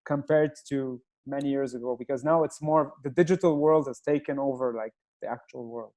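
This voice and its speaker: A man's voice: medium pitch, brisk, darkish tone. A man who grew up in Nigeria hosts a casual interview over a video call. He talks hesitantly and searches for his words. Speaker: host.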